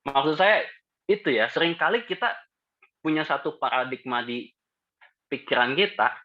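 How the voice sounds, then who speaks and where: A man's voice: fairly high pitch, moderate pace. A man leading a casual Bible study group, talking conversationally and putting questions to the listeners. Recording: dull lo-fi audio.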